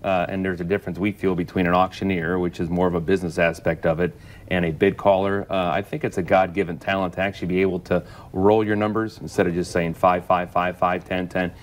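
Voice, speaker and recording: A man's voice: low-pitched, little pitch movement, quick pace. A man, an auctioneer, talking casually in an interview and explaining things with examples.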